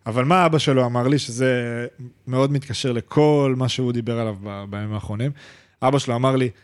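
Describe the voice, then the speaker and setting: A young man co-hosting a casual podcast, retelling a story in quick, animated bursts with lots of restarts and slang. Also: mid-range voice, clear, resonant tone. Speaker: podcast co-host.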